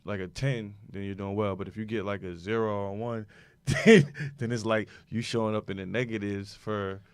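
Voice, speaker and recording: A man co-hosting a casual chat, telling workplace stories in a relaxed way, with lots of "like.". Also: on the low side, moderate pace, smooth, no room sound. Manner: laid-back storytelling, heavy use of "like". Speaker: podcast co-host.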